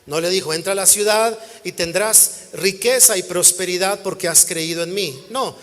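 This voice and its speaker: A man's voice: sits high, moderate pace, fairly bright tone. A male pastor preaching a sermon, asking the congregation questions and acting out quoted voices. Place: church hall. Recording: long church hall reverb.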